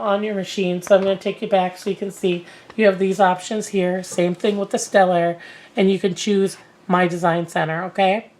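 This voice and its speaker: A woman in her forties, still recovering from a cold, talks through a casual sewing lesson in a medium-pitched voice. She rambles in a relaxed, chatty way full of ums and false starts. Her camera mic picks up the sound of a cluttered home sewing room.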